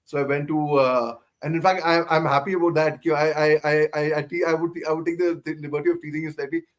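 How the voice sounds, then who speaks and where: A man's voice: fairly high pitch, fairly even intonation, fast talker. A man with an Indian English accent interviewing casually, often repeating words and slipping into Hindi.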